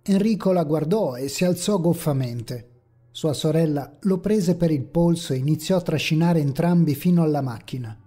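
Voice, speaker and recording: A man narrates a horror story in a measured, ominous manner. His voice is husky and mellow, sitting a little high for a man, over faint dark ambient music.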